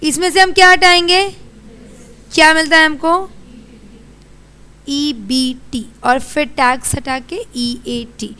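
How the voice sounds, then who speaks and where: A young Indian woman lectures a classroom in a high, bright voice. She quizzes her students in a brisk, scolding way. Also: fairly even intonation. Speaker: teacher.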